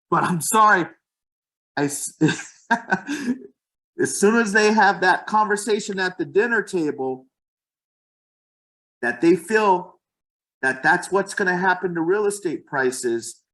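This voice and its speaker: A man's voice: sits high, pushed and bright. Emphatic man with a raised voice. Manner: passionate, emphatic, repeats his starts. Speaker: real estate agent. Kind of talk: casual podcast chat.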